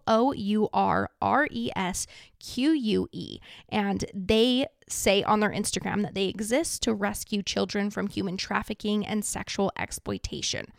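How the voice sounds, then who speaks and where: A woman's voice: medium pitch, vocal fry, no room sound, studio quality. A woman hosting a podcast in casual, earnest talk, with trouble pronouncing her R's so they sound like W's. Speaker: podcast host.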